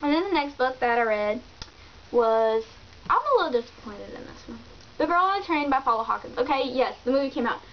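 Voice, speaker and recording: A woman vlogger reviewing books in an animated, chatty way, full of exclamations and fillers. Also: sits high, brisk. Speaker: book vlogger. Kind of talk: casual book review chat. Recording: dull lo-fi recording with faint hiss.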